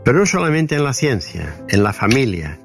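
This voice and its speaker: A man gives a slow, earnest spiritual talk, explaining his ideas deliberately. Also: medium pitch, sing-song, soft background music. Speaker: spiritual speaker.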